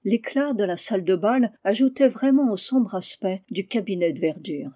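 An audiobook reader narrating a classic novel in a measured, even literary reading. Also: medium pitch.

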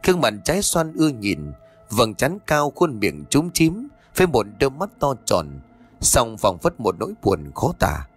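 A man narrating a spoken audio story in an expressive, measured storytelling manner. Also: mid-range voice, breathy edge. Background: faint background music.

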